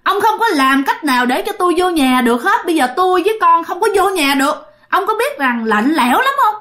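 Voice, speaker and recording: A woman voicing the ghost of a drowned woman who speaks through a man, in a shrill, strange high voice. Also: sing-song, brisk, sharp tone, heavily acted. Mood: accusing.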